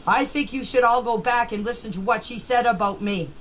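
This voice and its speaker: A middle-aged or older woman in an online group chat sends casual, unscripted voice messages in a slightly high, fairly bright voice. Defensive and insistent, she repeats herself and stumbles over words and names. The amateur recording is noisy.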